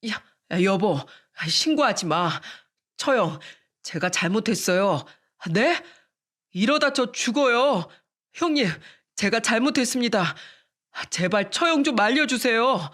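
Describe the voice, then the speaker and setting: A woman's voice: fairly high pitch, animated, unhurried, a bit bright. A woman voicing a panicked younger brother-in-law who begs for mercy in a pleading, frantic way, for a radio-style story.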